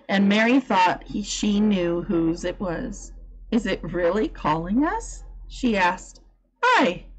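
A woman reading a classic novel aloud as host of her channel, in an expressive, unhurried storytelling manner. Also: on the low side, rough recording.

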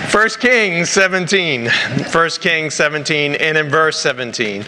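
A middle-aged pastor with a Rhode Island accent preaches and reads scripture in a halting, deliberate way, a man at a church pulpit. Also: on the high side, pushed and bright. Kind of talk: sermon with scripture reading. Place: large church sanctuary, at a pulpit. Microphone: lapel mic. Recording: echoey church hall with background noise.

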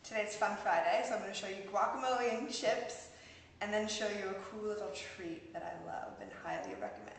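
A woman's voice: mid-range voice, animated, fairly quick. Bubbly woman in her thirties, casual cooking host, giggly, echoey kitchen, faint hiss. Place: large home kitchen, indoors. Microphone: camera mic across the room.

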